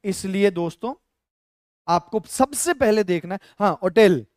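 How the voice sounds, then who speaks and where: A man's voice: high-pitched, lively intonation, unhurried, a little mellow, no room sound, clean studio sound. A male teacher with a Rajasthani Hindi accent, explaining grammar step by step in a live online lesson and talking to viewers as friends.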